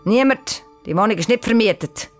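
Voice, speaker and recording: A woman's voice: a little high, animated, normal speed, faint music behind, close to an everyday voice. A woman doing a curt, bossy caretaker. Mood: brusque. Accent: Swiss German. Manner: curt and dismissive.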